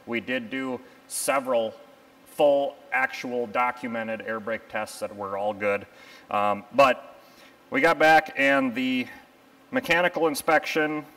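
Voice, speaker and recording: A man's voice: medium pitch, fairly bright tone, low-quality recording. A man in his thirties, a locomotive mechanic, explaining repair work in a casual technical way with frequent ums, recorded on a lapel mic in a machine shop. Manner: matter-of-fact, technical, with frequent ums and uhs.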